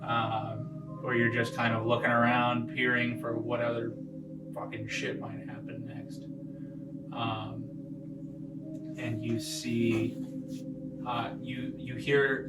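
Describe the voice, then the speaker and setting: A man improvising tabletop game narration as game master, haltingly searching for his words. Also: mid-range voice. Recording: roomy, distant mic, music underneath.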